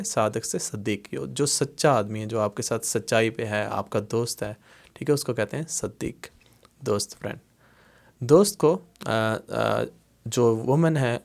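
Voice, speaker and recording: A man teaching Arabic words, explaining patiently in a slow lesson style and repeating each word. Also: mid-range voice, creaky. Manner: repeats words slowly, many fillers and "theek hai".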